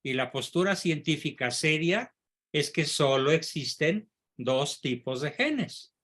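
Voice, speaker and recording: A man teaching in a class discussion, speaking with firm, assertive emphasis. His voice is bright and edged and sits a little high for a man. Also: animated, slow pace. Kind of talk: lecture with student questions.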